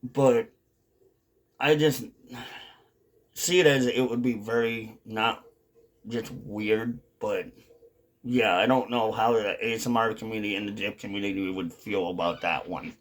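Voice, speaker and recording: On his dipping tobacco channel, a video creator talks unscripted in a casual vlog monologue, rambling and frequently repeating or rewording his points. His voice is lowish and fairly even, with a measured pace and frequent pauses.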